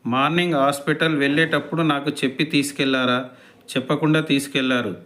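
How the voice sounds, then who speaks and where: A man's voice: mid-range voice, level tone, brisk, fairly bright tone. A man retelling a TV serial episode, quoting each character's lines in a plain narrating voice.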